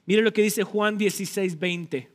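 High-voiced, slow-speaking man preaching. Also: fairly even intonation. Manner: emphatic preaching with swells in loudness and repeated words. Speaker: pastor. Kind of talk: sermon.

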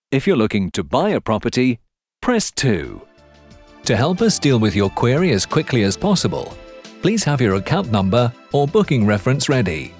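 A man voicing scripted phone-system prompts in a measured, polite, evenly enunciated way. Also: medium pitch. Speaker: voice-over artist.

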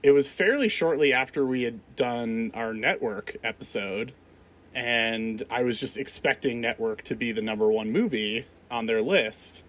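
A man's voice: mid-range voice, a little slow, a bit bright. A man in his thirties hosting a film podcast in casual chat, laughing often and restarting his phrases. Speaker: podcast host.

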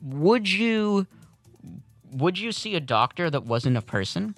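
With faint music behind him, a radio host speaks slowly in a high, sing-song, fairly bright voice during a relaxed morning studio interview. He presses his guest with questions and pushes back on replies, and his pitch climbs when he gets worried.

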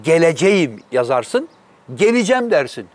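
A man's voice: fairly high pitch, big pitch swings, moderate pace. A middle-aged man co-hosting a casual chat, joking and playful. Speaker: co-host.

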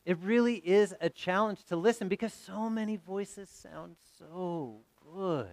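Man, pastor, sermon, fairly high voice, dry close sound. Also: measured pace, creaky, dry recording. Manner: conversational preaching with wide swings in loudness.

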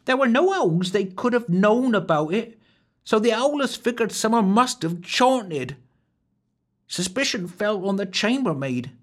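Here the jittery young barmaid, burr and country speech intact, is performed by a man in high falsetto. Fear drives big, exaggerated pitch swings as her voice swoops while she worries. Still, she takes her words slowly and with care.

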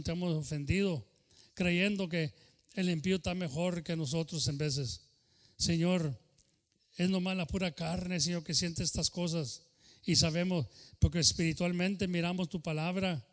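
A man, a pastor who leads a sermon and prayer, talks fast and sometimes unclearly, and keeps calling out "Señor". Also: a little high, in a large hall. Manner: fervent praying, repeating "Señor". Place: church service.

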